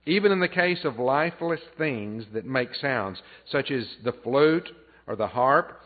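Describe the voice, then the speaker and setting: A man's voice: medium pitch, expressive. Tinny-sounding male preacher. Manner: unhurried teaching with frequent "uh" fillers and throat clearing. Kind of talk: sermon. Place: church assembly.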